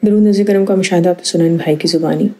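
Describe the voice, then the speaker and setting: A woman hosting a devotional channel, gently commenting on the story and then praying. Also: fairly low pitch. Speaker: channel host. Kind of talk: closing comments and prayer.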